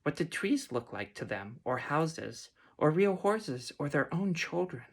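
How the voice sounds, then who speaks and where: A man voicing a proud, ancient female unicorn with a haughty, lofty manner, in a soft whispered role-play. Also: on the high side, very animated, unhurried, heavily acted. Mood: wondering. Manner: indignant, lofty.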